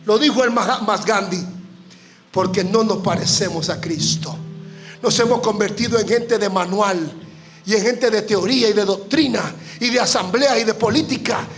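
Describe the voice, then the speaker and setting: A Panamanian man preaches with fervor in a very high voice and keeps pushing toward shouted peaks. He is a guest preacher in front of a church congregation. Faint music sits underneath him. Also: moderate pace. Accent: Panamanian Spanish. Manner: fervent, often shouting, rising to emotional peaks. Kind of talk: impassioned sermon.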